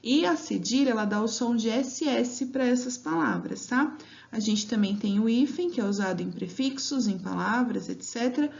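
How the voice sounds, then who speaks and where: A woman teaching children, with a fairly high voice. She speaks patiently and stretches out words syllable by syllable. The recording sounds dull and lo-fi. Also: gravelly, a little mellow. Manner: patient, drawn-out syllables with frequent "né?" and "tá?". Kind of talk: grammar lesson for children.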